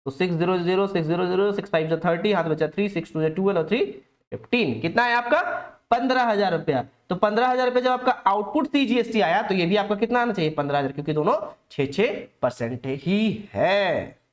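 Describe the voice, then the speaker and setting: A man's voice: sits high, fast talker. Young male tutor, casual coaxing lecture style, keeps quizzing the class and supplying the answers. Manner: asks questions aloud and answers them himself; coaxing, talks straight to the students. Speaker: accounts teacher.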